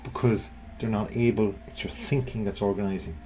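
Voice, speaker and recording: A man's voice: on the low side, moderate pace, dark tone, soft background music, low-quality recording. A middle-aged man presenting an informal explanatory talk, conversational, often checking in with the listener. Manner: conversational, rhetorical check-ins.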